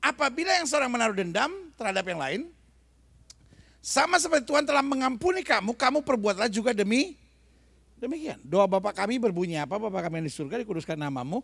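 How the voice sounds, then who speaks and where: Lively preacher, high gravelly voice. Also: male voice, fairly quick, no room sound. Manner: animated, questioning the audience, mixing in English phrases. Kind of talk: lively sermon to a congregation. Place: church hall.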